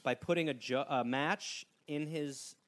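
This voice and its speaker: Here a male podcast host talks a little slowly with a voice on the high side. His comedic storytelling is lively and full of jokes, punctuated by silly voices he puts on.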